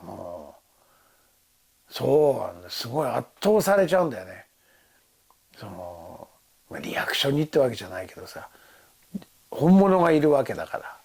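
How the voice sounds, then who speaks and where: Husky older man telling a rambling story. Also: mid-range voice, very animated, moderate pace, long pauses, darkish tone. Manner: rambling storytelling with laughs and quoted voices. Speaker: actor recalling a film shoot. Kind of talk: casual tipsy monologue.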